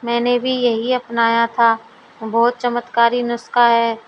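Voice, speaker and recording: A woman's voice: on the high side, completely flat delivery, unhurried, dull audio, a little hiss or hum, close to an everyday voice. A woman voicing a sly, mocking young neighbor woman in a family storybook. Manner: teasing, sly. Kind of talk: storybook dialogue reading.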